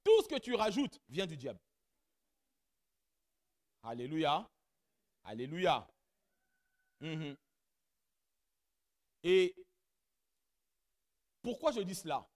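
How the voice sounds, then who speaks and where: A pastor preaching a church sermon, this man has a high-pitched voice and takes it slowly, leaving long pauses. He preaches in an animated way, climbing to loud, emphatic peaks and speaking directly to the congregation. He isn't a native French speaker; another language is his mother tongue.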